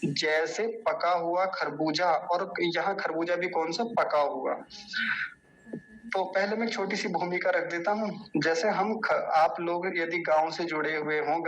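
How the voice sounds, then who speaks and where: A man teaching the meaning and pronunciation of a Vedic mantra, explaining patiently and drawing out syllables slowly to demonstrate. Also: fairly high pitch, steady tone, fairly bright tone, slight background noise, rough recording. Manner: slow deliberate syllable-by-syllable pronunciation drills; patient explanatory tone with rhetorical questions. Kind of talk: spoken lesson on scripture.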